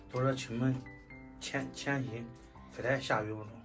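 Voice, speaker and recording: A man's voice: mid-range voice, steady tone, takes it slowly. Guy just chatting for his vlog, music playing, mic kinda far away. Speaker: vlogger. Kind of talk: casual vlog chat.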